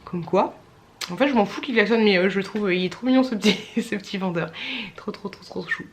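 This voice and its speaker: A woman's voice: medium pitch, a little fast, slight background noise. A young woman vlogging in casual, rambling chat, a little tired, with many fillers.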